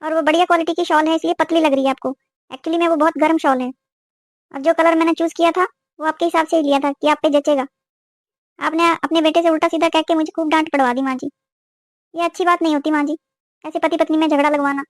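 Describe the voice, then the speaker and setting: A woman's voice: high-pitched, steady tone, fast talker, no room sound, studio quality, lightly acted. A woman voicing a young newlywed daughter-in-law who answers politely but firmly in a cartoon. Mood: pleading. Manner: pleading, polite but firm. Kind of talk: cartoon voice acting.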